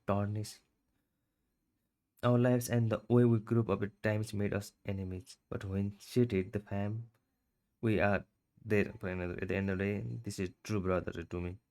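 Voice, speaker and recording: A man reading a book aloud for his channel, in a halting, stumbling way with restarts. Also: lowish voice, warm tone.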